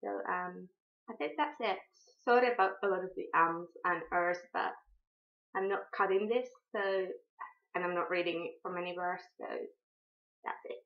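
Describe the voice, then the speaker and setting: On a dull, lo-fi recording, a young Finnish woman speaks to camera without a script. Her voice is lowish and steady at a moderate pace, carrying a Finnish accent, and she falters frequently with ums and fresh starts.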